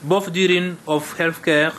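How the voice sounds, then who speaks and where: A man with a Cameroonian accent delivering a formal, halting prepared statement as a government health official. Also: on the high side, fairly even intonation, fairly bright tone, a little hiss or hum.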